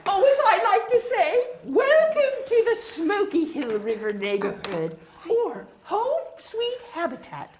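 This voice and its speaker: Playing a genteel, kindly, proper beaver hostess at a puppet-show tea party, a woman teaches in a children's educational puppet show using an extremely high voice that swoops widely. She's slow, sweet, and teacherly, very animated in a full character voice, fluttering each line with gentle "oh"s. The room is echoey with a faint hiss.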